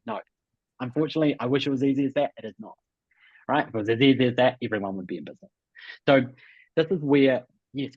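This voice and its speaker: Heard through muffled, echoey webinar sound, a business coach from New Zealand runs a coaching session in a slightly rough, mid-range voice. His explanations are emphatic, with key ideas repeated and frequent check-ins.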